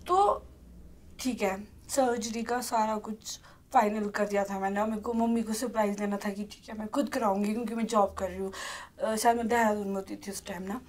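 A woman's voice: mid-range voice, fairly even intonation, brisk, slight background noise. A woman in her twenties from Himachal Pradesh, a podcast guest who talks through a painful personal story in an earnest, heartfelt way, near tears at times. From Himachal Pradesh, India. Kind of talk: emotional personal chat.

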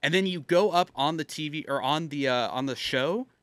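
A young man giving casual, animated livestream commentary as a streamer, blurting short reactions and repeating himself on a close desk mic. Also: on the high side, moderate pace, dry recording. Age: young adult. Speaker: streamer reacting to meme videos. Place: small room at home, indoors. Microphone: close desk microphone.

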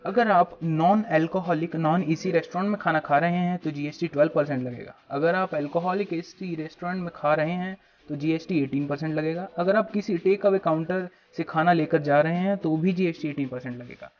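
A young Indian man hosts his own YouTube channel, talking to viewers like friends as he explains a topic directly to the camera. His voice is on the high side and a little fast, with few pauses. The lo-fi sound comes from a clip-on mic on his shirt in a small room with a plain backdrop.

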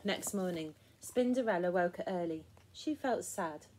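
A woman hosting a story time and reading a children's picture book aloud in a gentle, expressive and encouraging way. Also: on the low side, measured pace, slight background noise.

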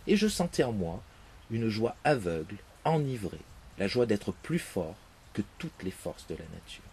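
A man reading a fairy tale aloud, expressive in his first-person telling. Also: fairly low pitch, a little slow, a little hiss or hum. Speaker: narrator. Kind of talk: storybook reading.

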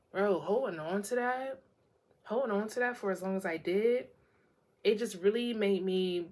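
Low-voiced woman after a morning of crying. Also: slight background noise. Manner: candid, tearful and rambling, with bursts of laughter. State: worn out from crying. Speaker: vlogger. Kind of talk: emotional personal vlog.

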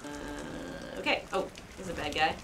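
A young woman who grew up in New Zealand talks in a low, unhurried voice with fairly even intonation, against background noise. Hosting a casual gaming video in a small decorated room with game music behind, she chats, teases herself, and exclaims at the game.

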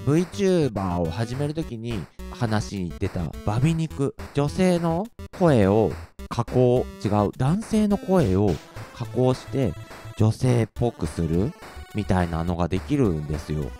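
A man's voice: mid-range voice, mellow. A man hosting as a VTuber, chatting casually in a rambling, easygoing way. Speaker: VTuber host. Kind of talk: casual chat.

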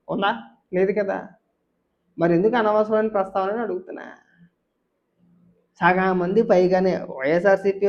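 A man's voice: sits high, a little hiss or hum. A man giving a heated political rant, scolding and taunting with rhetorical questions. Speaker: political commentator. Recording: dull lo-fi sound.

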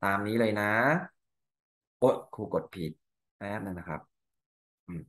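A male teacher with a Thai accent walks through exam answers, reading English lines slowly and explaining each one in Thai. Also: lowish voice.

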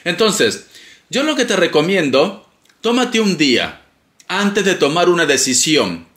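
A man's voice: sits high, very animated, measured pace, fairly bright tone. Theatrical, teasing tarot-reading man. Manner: playful, theatrical, teasing, calls listener darling. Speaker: tarot reader. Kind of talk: casual tarot reading monologue. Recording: echoey room.

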